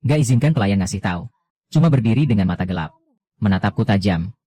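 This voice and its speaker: A man narrating a dramatic first-person animated story in a steady reading voice. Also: on the low side, fast talker.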